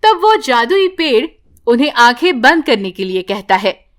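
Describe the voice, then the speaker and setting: A woman narrating an animated bedtime story in a calm, even storytelling manner. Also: fairly high pitch, measured pace.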